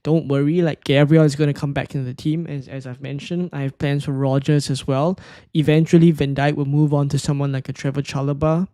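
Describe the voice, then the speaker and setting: A man's voice: fairly high pitch, little pitch movement, fairly quick, warm tone, clear, resonant tone, dry recording, clean studio sound. A man from Singapore, casually talking through his picks and answering chat questions on a live stream, thinking aloud with fillers and restarts. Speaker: fantasy football streamer.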